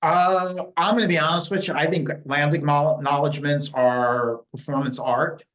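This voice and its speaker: A man's voice: a little high, steady tone, moderate pace, fairly bright tone, rough recording. Blunt, opinionated New Jersey man. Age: 50s. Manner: blunt and opinionated, with frequent fillers. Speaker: interview guest, Native community liaison. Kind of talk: candid conversational interview.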